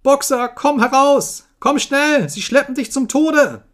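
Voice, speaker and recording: A man voicing a motherly old mare who cries out in an anguished, high voice. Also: a little slow, a bit bright.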